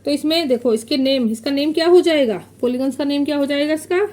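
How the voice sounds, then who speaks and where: A woman with a high voice teaches a maths class and explains each idea step by step as she draws. She keeps putting questions to the class and then answers them herself. When she gets to the key terms, she slows down and repeats them. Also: a little mellow. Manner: repeats key terms slowly while drawing on a board. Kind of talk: classroom lesson explaining geometry.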